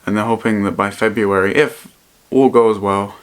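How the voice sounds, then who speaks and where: A man vlogging in a reflective, personal way, speaking earnestly and haltingly and often repeating his phrases. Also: lowish voice, fairly even intonation. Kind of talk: personal vlog to camera, reflective talk.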